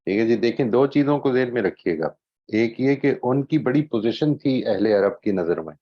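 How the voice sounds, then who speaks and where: A man's voice: mid-range voice, expressive, dull audio. Man on a call, voice dropping out. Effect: voice cutting out on a call connection. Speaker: Quran teacher. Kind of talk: online class explanation. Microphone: video call.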